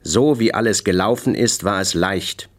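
A man doing a cold, calm interrogator. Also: fairly low pitch, moderate pace, natural voice. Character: cold, calm middle-aged publisher man.

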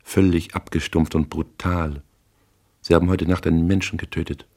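A cool, sharp-tongued wealthy woman speaks in a clipped, cold way in an audiobook, as a man puts her on. Her voice stays very deep and reproachful. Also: flat delivery, moderate pace.

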